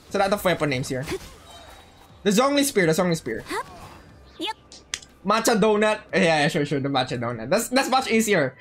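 A woman with a lowish voice chats casually with viewers while streaming a game, frequently repeating words and phrases as she banters. She sounds very animated, speaks at a moderate pace, and leaves long pauses.

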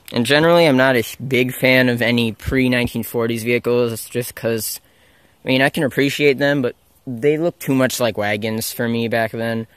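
Walking outdoors among the trees, this young explorer narrates his footage of abandoned sites in a loose, uncertain way, often backtracking to correct himself. He speaks at a medium pitch in a clean tone with no echo. The sound comes through the handheld camera's own microphone.

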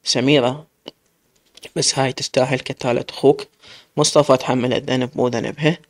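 A man's voice: mid-range voice, fairly even intonation, a little fast, close to an everyday voice. A man with an Iraqi accent voicing a bitter older woman who talks resentfully and insists on revenge. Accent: Iraqi Arabic.

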